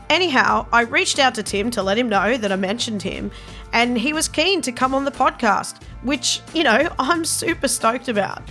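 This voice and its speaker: A woman's voice: medium pitch, fairly bright tone. An Australian woman hosting a faith podcast, reading a scripted intro and then chatting eagerly with her guest. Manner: enthusiastic, earnest. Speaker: podcast host.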